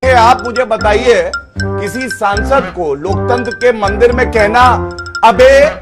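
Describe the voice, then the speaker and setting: Slow taunting man with rhyming jabs. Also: high-pitched, music in the background. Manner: rhetorical, taunting rhymes.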